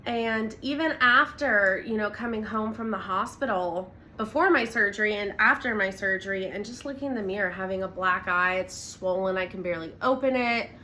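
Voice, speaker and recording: Earnest, blunt young woman with a bright voice. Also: mid-range voice, normal speed, hardly any pauses, slight background noise. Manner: earnest, blunt, uses fillers, swears. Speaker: vlogger sharing her personal story. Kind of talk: candid direct-to-camera talk.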